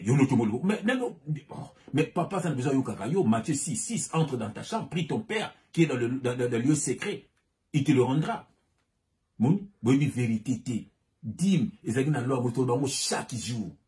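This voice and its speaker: A man's voice: mid-range voice, lively intonation, a little fast, darkish tone. Fiery preacher man. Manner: fiery, switches between French and Lingala, repeats phrases with rising emphasis. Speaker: pastor. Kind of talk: preaching sermon.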